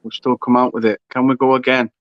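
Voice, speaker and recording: A man's voice: medium pitch, quick pace, no echo. A man hosting a live football watchalong, chatting and reacting to the match. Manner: excitable, shouts during goal moments. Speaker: watchalong host. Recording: dull lo-fi dry sound.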